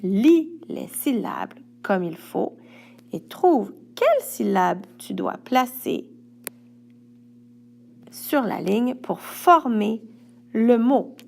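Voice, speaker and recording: Slow, gravelly Quebec woman teacher. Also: on the high side, sing-song, darkish tone. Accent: Quebec French. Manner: patient, speaks directly to a young pupil step by step. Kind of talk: recorded classroom instructions.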